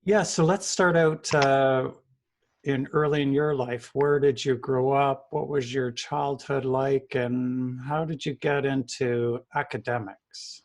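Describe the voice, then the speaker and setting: A man hosting a counseling podcast, asking his guest plain, relaxed interview questions. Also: mid-range voice, takes it slowly.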